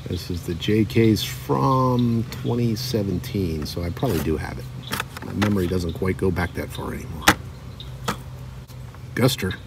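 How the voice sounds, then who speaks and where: A middle-aged man with a low voice talks through his toy car finds in a relaxed, chatty way. He sits outdoors, a bit far from the camera mic, with wind rushing behind him. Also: gravelly. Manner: relaxed, chatty, reads card backs aloud. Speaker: diecast collector vlogger. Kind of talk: casual show-and-tell narration. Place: outdoor table by a lake on a windy day. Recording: distant mic with wind noise.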